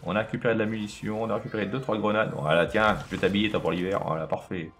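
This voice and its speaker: A man's voice: fairly low pitch, fairly even intonation, racing, fairly bright tone, soft background music. A man casually commenting on his own video game play, chatting to himself and to the enemies on screen.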